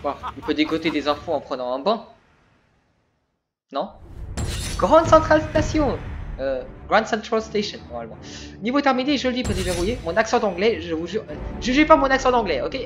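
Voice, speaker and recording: A man's voice: sits high, big pitch swings, fast. A man giving chatty, casual commentary on a game he is playing, with jokey asides. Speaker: let's play gamer. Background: game music and sounds.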